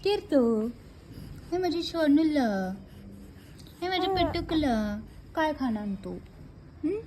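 A woman's voice: high voice, animated, slow pace, warm tone, a little hiss or hum. A mother cooing baby talk to her two little daughters, repeating each question in a sing-song way. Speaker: mother talking to her babies.

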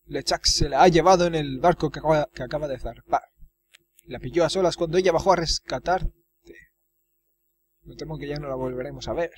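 A man's voice: fairly high pitch, fairly quick, pauses often, natural voice. A weary old lookout delivers grim news in a resigned, doom-laden voice, as a man puts him on. A faint hum runs underneath. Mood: gloomy. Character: gloomy old male lookout.

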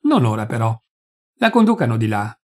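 Man voicing a brisk commanding doctor. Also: mid-range voice, big pitch swings, a little mellow, voice pushed down. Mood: urgent. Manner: urgent, commanding orders. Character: male doctor, brisk, authoritative and impatient.

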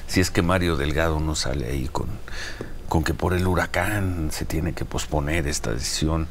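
A man's voice: a bass voice, normal speed, a little hiss or hum. An older man with a Mexican Spanish accent hosting a political interview in a TV studio, asking pointed, rhetorical questions. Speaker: host.

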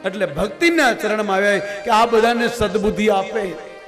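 A man's voice: high-pitched, steady tone, normal speed. A man giving a devotional scripture discourse, storytelling and acting out the dialogue. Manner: storytelling, acts out dialogue, chuckles often. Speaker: katha preacher. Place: large religious gathering hall. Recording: echoing hall with loud music.

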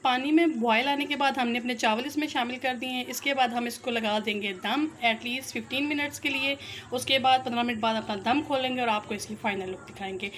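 A woman hosting a cooking channel, calmly explaining a recipe step by step in voice-over narration. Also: on the high side, fairly quick. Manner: calm step-by-step instruction. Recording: noisy kitchen, sizzling pot.

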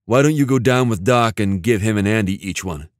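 A male narrator voicing a brisk, commanding male team leader. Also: fairly low pitch, dry recording, studio quality, lightly acted.

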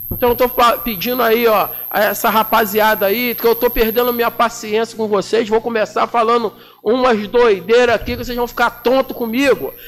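A man's voice: very high-pitched, fairly bright tone. A man in his forties, a city councilman from Brazil, giving a combative, indignant floor speech full of colloquial slang into a desk microphone in a council chamber. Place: municipal council chamber, indoors.

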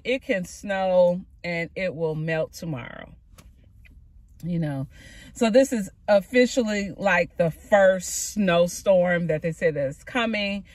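A woman's voice: medium pitch, a bit bright. A middle-aged woman talks to her phone from the driver's seat, upbeat and rambling. She takes her time and lets her sentences drift. The sound is close and dry, with no room echo. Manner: chatty, upbeat, trailing "so yeah" asides. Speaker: vlogger. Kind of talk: casual vlog chat. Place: parked car. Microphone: phone camera on dashboard.

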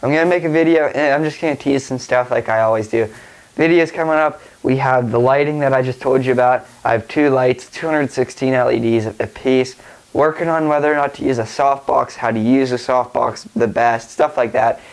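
A man's voice: medium pitch, brisk, rough recording. A young man with a stuffy nose from a cold, rambling casually through a tech vlog with lots of fillers and restarts. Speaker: tech vlogger.

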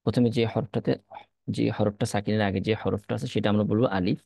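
Male teacher, low gravelly voice, dry close sound, patient step-by-step drilling. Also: steady tone, dark tone, no echo. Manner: patient, repeats letter drills slowly. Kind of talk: step-by-step lesson on reading Arabic letters.

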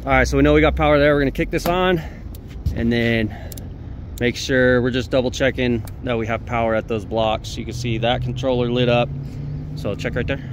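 A refrigeration technician narrates his work casually in a brisk, mid-range voice with fairly even intonation, over a noisy background. Filmed on a head-mounted camera on a rooftop at night and in equipment rooms, he explains each step plainly and swears often.

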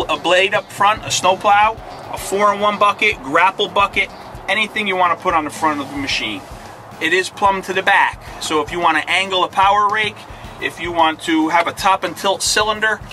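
A man's voice: fairly high pitch, pushed and bright, a little hiss or hum. A middle-aged man, an equipment dealer salesman, giving a plain product walkthrough with fillers, outdoors on a lot and then inside a tractor cab.

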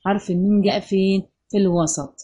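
An Egyptian-accented woman teaches young children their letters, quizzing them and answering herself. Her voice is mellow and slightly husky, and she draws out each example word slowly. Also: mid-range voice, fairly even intonation, muffled recording. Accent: Egyptian Arabic. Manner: question-and-answer drilling, stretches out example words. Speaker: primary school Arabic teacher. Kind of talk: children's phonics lesson.

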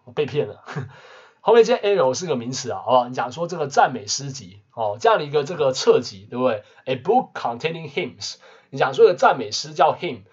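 A man teaching English vocabulary in a casual lesson, constantly adding quick tag questions. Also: mid-range voice, husky. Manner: peppers talk with tag questions. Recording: muffled lo-fi recording.

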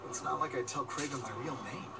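An actor playing an earnest, wry young superhero in a video game, chatty and slightly awkward. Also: male voice, a little high, fairly even intonation, quick pace, creaky, very noisy. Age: young adult. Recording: distant TV playback under loud music.

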